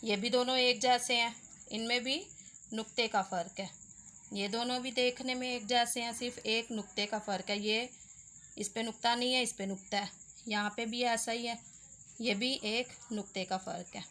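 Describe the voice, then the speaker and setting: A woman's voice: a little high, steady tone, normal speed, a bit bright. A woman teaching Urdu letters step by step, patiently sounding out each letter with its vowels. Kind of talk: slow step-by-step lesson.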